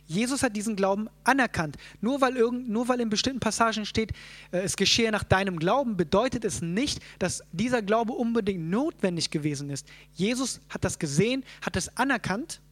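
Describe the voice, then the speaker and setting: Unhurried and plainspoken, this Bible teacher works through a passage in a mid-range voice, often tossing a quick "ja?" to the group to check in. Restarts and filler words come up a lot as the teacher thinks out loud.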